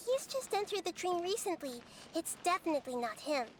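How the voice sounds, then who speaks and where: A woman voicing a gentle little girl deity in a video game, light and childlike, composed as she explains. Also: very high-pitched, big pitch swings, brisk, a little hiss or hum. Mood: thoughtful. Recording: loud game music behind voice.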